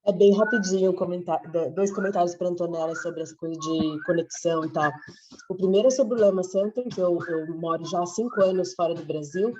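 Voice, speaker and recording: Hoarse woman on a muffled call. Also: lowish voice, fairly quick, background noise. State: hoarse from a cold. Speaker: study group participant. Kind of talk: online group chat. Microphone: video call. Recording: muffled distant video call audio.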